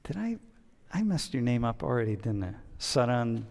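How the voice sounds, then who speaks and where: A man teaching a university class as a relaxed, chatty professor who keeps breaking off and restarting. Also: mid-range voice, moderate pace, gravelly, a little hiss or hum. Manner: chatty, interrupts himself often. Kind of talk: casual classroom discussion. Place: large lecture hall. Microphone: wireless mic. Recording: reverberant lecture hall.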